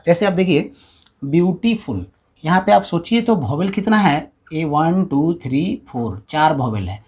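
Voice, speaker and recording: A man gives a step-by-step video grammar lesson. His pitch swings widely as he talks, and he drags out syllables to sound them out. He often checks in with his listeners. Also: darkish tone, breathy edge. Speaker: English grammar teacher. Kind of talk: classroom-style video lesson.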